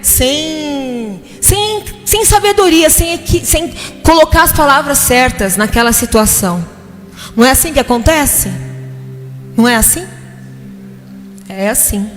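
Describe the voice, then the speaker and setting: A woman's voice: sits high, expressive, a little slow, long pauses. A woman with a Brazilian Portuguese accent preaching a sermon in a conversational way, often checking in with the congregation. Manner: conversational preaching, frequent "né?" tag questions to the congregation. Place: church hall. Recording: long hall reverb with faint music.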